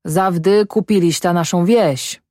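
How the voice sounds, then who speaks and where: Female reader doing a gruff kindly peasant man, folksy talk. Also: fairly low pitch, unhurried, dark tone, no room sound, clean studio sound. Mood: curious. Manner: plain folksy peasant speech. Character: middle-aged peasant man, gruff but kind.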